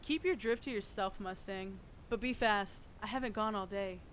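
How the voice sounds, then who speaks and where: A woman's voice: medium pitch, normal speed, slight background noise, natural voice. A woman playing the hero's dry, matter-of-fact girlfriend. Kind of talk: amateur comedy film dialogue.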